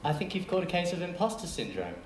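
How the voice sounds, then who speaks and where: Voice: medium pitch, sing-song, quick pace, darkish tone, close to an everyday voice. An actor playing a reassuring medical student friend in a stage comedy, with an exaggerated delivery. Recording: distant echoey stage, faint noise.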